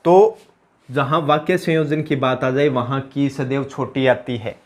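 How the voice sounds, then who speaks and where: A young man teaches an exam-prep lesson. His voice sits at an ordinary middle pitch. He keeps the tone chatty, repeats key words for drilling, and drops into local dialect asides. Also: steady tone, a little slow.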